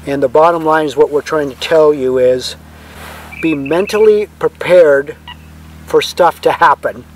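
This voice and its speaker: A man's voice: a little high, unhurried, a little hiss or hum, rough recording. A man co-hosting a vlog, giving casual advice to the camera in a folksy, reassuring way. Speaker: vlog co-host.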